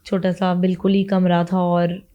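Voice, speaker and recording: A woman's voice: fairly low pitch, monotone, a little slow, dark tone, lo-fi sound. Young woman guest on an interview, emotional storytelling, switches into english bits. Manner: emotional storytelling, mixes Hindi with English phrases. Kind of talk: casual interview talk.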